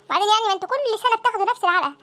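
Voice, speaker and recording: Super high squeaky egyptian cartoon kids freaking out over exam results, a woman voicing them, bright and tense, talking at breakneck speed. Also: rapid-fire. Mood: panicky. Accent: Egyptian Arabic. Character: panicky teenage students dreading exam results. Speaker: voice actor for a comic cartoon. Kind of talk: comic cartoon dialogue.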